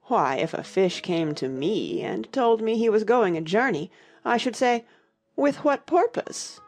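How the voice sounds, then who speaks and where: A woman voicing a sorrowful, drowsy male Mock Turtle who speaks slowly and takes offence easily, in a dramatized audiobook. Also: medium pitch, animated, darkish tone, soft background music. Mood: indignant. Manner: slow, touchy, pedantic.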